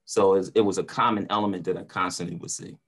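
His voice sits low and slightly rough, fairly even in intonation, and he talks quickly. This middle-aged man from North Philadelphia, United States, is a preacher and motivational speaker, earnest and emphatic, repeating words in a casual online panel held over a video call, using a computer mic in a small indoor home or office room.

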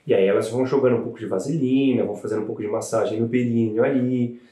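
Mellow-voiced man recounting a birth, casual and animated, roomy echo on the mic. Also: mid-range voice, fast. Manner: chatty, animated retelling with frequent "né" tags. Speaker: new father telling his partner's birth story. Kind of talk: casual storytelling to camera.

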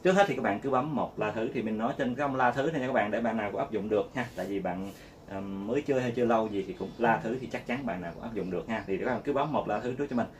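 A man giving a casual guitar lesson, talking in a chatty, repetitive way and counting strum patterns out loud. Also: lowish voice, racing, slight background noise. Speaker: guitar teacher. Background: loud guitar playing.

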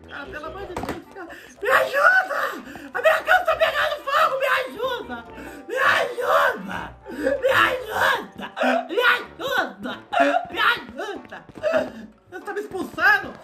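A shrill, frantic man. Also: fast talker, hardly any pauses, over music. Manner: panicked, whiny, pleading shouts. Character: frantic shouting man, house on fire, face tattoo. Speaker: streamer playing a role-play game character. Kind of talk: game role-play.

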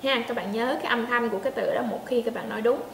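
A woman teaching pronunciation, demonstrating sounds slowly and checking in with her learners. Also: fairly high pitch, vocal fry, a bit bright, slight background noise. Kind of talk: pronunciation lesson. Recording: echoey room with faint ambience.

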